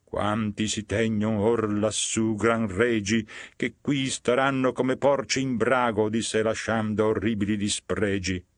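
A man's voice: lowish voice, flat delivery, a little slow, few pauses, dry recording, studio quality, lightly acted. A man voicing a wise, stern old guide spirit, solemnly declaiming verse. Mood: scornful.

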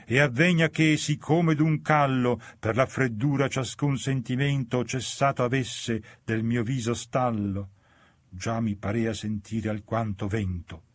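A man reciting epic verse in a measured, solemn voice of middle pitch. He drops lower on grave lines, and the dry, close recording carries no room sound. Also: fairly even intonation, no echo. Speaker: reader.

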